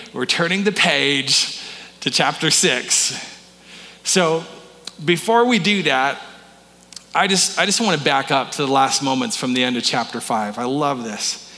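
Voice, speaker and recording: Speaking at a measured pace, this fairly high-voiced man preaches conversationally and warmly from a church sanctuary, with a long reverb tail behind him. He keeps stumbling and restarting his sentences.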